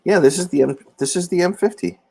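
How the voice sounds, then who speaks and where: A man's voice: high voice, fast talker, vocal fry, darkish tone, breathy edge, no room sound. A man hosting a casual livestream, rambling and self-deprecating as he talks to viewers from a room. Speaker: livestream host. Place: indoor room. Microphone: phone or laptop camera mic.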